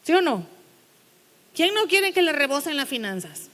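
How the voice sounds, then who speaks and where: A high-voiced woman pastor gives a frank, no-nonsense sermon, hammering her audience with rhetorical questions. Her tone is a bit bright, her pitch swings widely, and she speaks at a normal speed, echoing through the long reverb of a church sanctuary.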